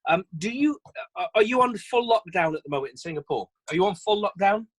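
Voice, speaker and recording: A man's voice: sits high, animated, quick pace, poor audio. A man leading a sales training on a video call, chatty and self-deprecating, often restarting his phrases. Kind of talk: virtual training session.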